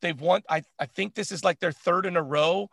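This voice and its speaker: A man co-hosting a casual sports chat, animated and laughing often, with lots of filler words. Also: high voice, brisk, creaky, no echo, clean studio sound. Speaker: co-host.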